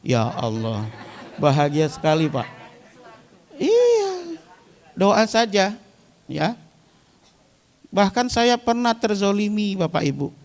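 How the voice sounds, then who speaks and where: A male preacher in his thirties with a voice sitting somewhat above the usual male pitch. He tells stories in a relaxed, chatty way and keeps turning to his live congregation as he talks. The talk mixes religious teaching with humor. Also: slow, long pauses, big-room sound. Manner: chatty storytelling, often addressing the listeners directly. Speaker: Islamic preacher. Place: weekly study gathering before a live audience.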